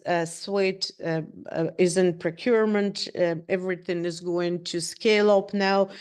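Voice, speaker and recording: A middle-aged woman from Ukraine, not an English speaker, giving a halting presentation on a video call with many fillers and restarts. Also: lowish voice, a little mellow, clean tone. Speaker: researcher presenting at an online event.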